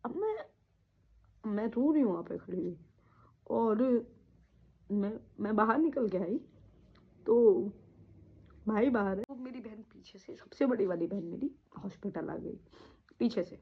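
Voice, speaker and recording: A woman's voice: mid-range voice, lively intonation, vocal fry, slightly rough. Woman telling a sad personal story, keeps trailing off and repeating herself, sounds like a phone line. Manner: halting and repetitive, trailing off; emotional, grieving tone. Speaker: vlogger. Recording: tinny phone-like audio.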